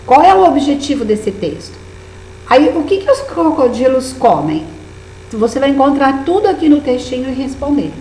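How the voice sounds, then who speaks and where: Brazilian woman teacher guiding young kids through a workbook, slightly high and patient, recorded in an echoey room with light hum. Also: big pitch swings, normal speed, mellow. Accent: Brazilian Portuguese. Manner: patient, encouraging, with many diminutives. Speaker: primary school teacher. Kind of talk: remote lesson walking through a workbook.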